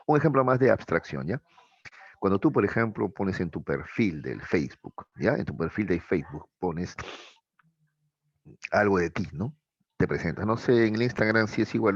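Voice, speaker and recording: A deep-voiced man teaches a class, tossing quick checks back at his students after nearly every phrase. His voice is husky, and the recording is dull and lo-fi. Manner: questioning, repeats "¿ya?" often; acts out imagined student dialogues. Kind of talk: classroom lecture.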